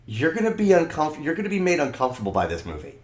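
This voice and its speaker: Man, podcast co-host, casual chat, animated, higher pitch, echoey room. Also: very fast. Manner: animated, excitable, restarts a lot.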